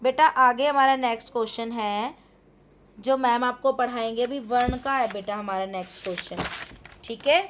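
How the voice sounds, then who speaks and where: A woman's voice: on the high side, normal speed, a bit bright, a little hiss or hum. A woman teacher patiently explaining a school grammar exercise, repeating points and asking her pupils questions.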